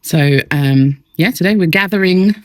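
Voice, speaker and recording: A woman co-hosting a podcast, playful and animated in casual chat. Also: lowish voice, a little slow, dry recording, clean studio sound. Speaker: podcast co-host.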